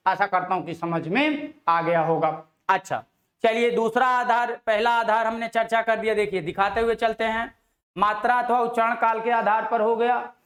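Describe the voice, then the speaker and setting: A man's voice: sits high, fairly even intonation, moderate pace, a bit bright, roomy sound. A male Hindi grammar teacher giving an exam-prep lesson. He asks rhetorical questions, answers them himself and draws out example syllables.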